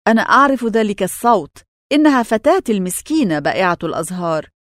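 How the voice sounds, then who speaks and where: A woman's voice: medium pitch, expressive, fairly quick, no echo, studio quality, lightly acted. A woman playing a kind, protective, rich young man in a storybook reading, speaking in an earnest, emphatic way. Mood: outraged.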